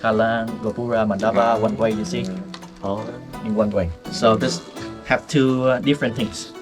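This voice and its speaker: A Vietnamese man, speaking English as a second language, guides visitors around ancient temple ruins outdoors, using simple, broken English and often joking and chuckling. His voice sits on the low side, with fairly even intonation and a moderate pace, and music plays underneath.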